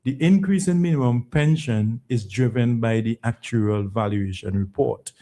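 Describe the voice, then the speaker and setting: A pension fund chief executive, appearing as a guest on a phone-in programme, explains policy emphatically, repeating words and often checking in with a questioning tag. His medium-pitched voice has a warm tone and a moderate pace.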